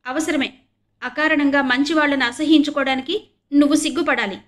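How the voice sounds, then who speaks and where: A woman's voice: a little high, flat delivery, measured pace, close to an everyday voice. A woman voicing a tender crippled teenage boy who pleads through tears, in a storybook reading. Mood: tearful protest. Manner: pleading, tearful.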